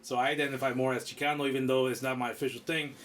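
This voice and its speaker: A man's voice: mid-range voice, level tone, very fast, fairly bright tone. A man from Mexico, co-hosting a podcast in casual chat, mixing Spanish phrases into his English and swearing freely. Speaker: podcast co-host.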